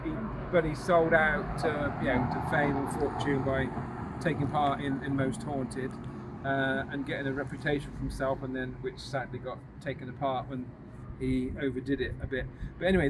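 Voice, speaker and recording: A man guiding a ghost walk, telling anecdotes casually and hesitantly to a small group outdoors. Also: on the high side. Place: outdoors on a walking tour near a road. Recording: noisy outdoor recording with passing vehicles.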